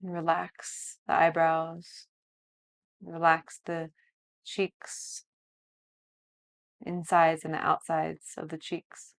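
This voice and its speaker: A woman with a lowish voice guides a yoga relaxation in the manner of a sleep story narrator. She speaks very slowly and softly, leaving long pauses between short phrases. Her intonation stays level and soothing throughout. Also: completely flat delivery, gravelly. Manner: soothing, slow, hushed delivery with long pauses. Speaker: yoga teacher.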